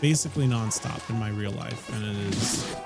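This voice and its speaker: A man's voice: lowish voice, moderate pace, loud music behind the voice. A man casually chatting with his chat while streaming a game, laughing often and trailing off into restarts.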